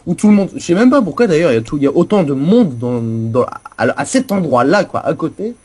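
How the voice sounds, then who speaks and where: A man's voice: a little high, very animated, fairly quick, a little mellow, husky. Rambling man giving a game tour. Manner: rambling, self-mocking explanations. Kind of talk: casual gameplay commentary.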